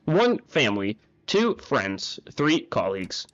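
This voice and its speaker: A man's voice: medium pitch, huge pitch swings, takes it slowly, a bit bright, voice pushed down, heavily acted. A man voicing a cold, condescending male researcher who talks in a formal, lecturing way, heard on muffled audio with faint game music.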